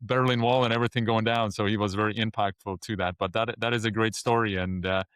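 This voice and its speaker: A man from Czechoslovakia hosting a podcast, talking quickly and stumbling over repeated words. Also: fairly low pitch, fairly even intonation, a bit bright, clean tone, dry recording, studio quality. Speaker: podcast host. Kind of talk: podcast interview.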